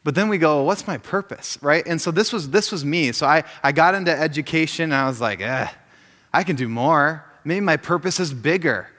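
A man in his thirties giving an informal faith talk, telling stories with jokes and quick asides. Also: on the high side, a bit bright, long reverb tail. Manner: joking, storytelling, lots of asides. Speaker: speaker at a faith gathering.

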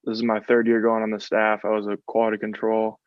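A man in his twenties from the American West Coast, a football coach answering interview questions in a measured way, with many ums. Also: lowish voice, completely flat delivery, no room sound. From West Coast of the United States. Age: 20s. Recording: slightly dull, lo-fi sound.

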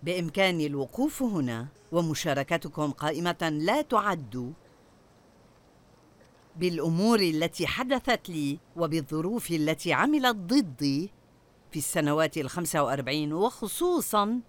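An older woman delivers a sermon to a congregation. Her pitch swings widely and animatedly, and she keeps turning to her listeners with rhetorical questions. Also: lively intonation, moderate pace. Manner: asks the audience rhetorical questions. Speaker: preacher.

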